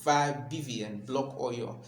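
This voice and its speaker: A man's voice: mid-range voice, a little slow, reverberant, slight background noise. A Nigerian man explaining real estate advice in an earnest video talk. He often repeats words and ends points with "right?".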